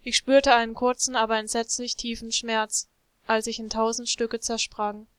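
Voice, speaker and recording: A woman's voice: on the high side, little pitch movement, normal speed, clear, resonant tone, no room sound. A woman narrating a first-person story as a clay jug, reading expressively.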